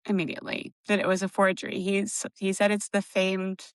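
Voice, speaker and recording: Woman co-host, mid pitch, dry sound, quick comments in a book chat. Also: completely flat delivery, clear, resonant tone, dry recording. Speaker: podcast co-host. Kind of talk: casual book-recap chat. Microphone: remote call.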